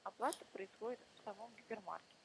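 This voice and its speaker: A woman's voice: mid-range voice, fast, vocal fry. A woman call centre operator on a telephone line, speaking formally and politely in procedural phrases. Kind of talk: customer service phone talk. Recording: noisy phone line with clicks.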